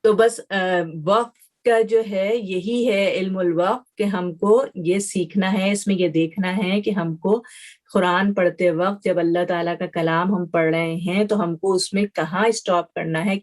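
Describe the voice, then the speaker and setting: A woman teacher, giving an online class lecture, explaining patiently step by step with examples, mixing in English words. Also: medium pitch. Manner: mixes English words into her speech.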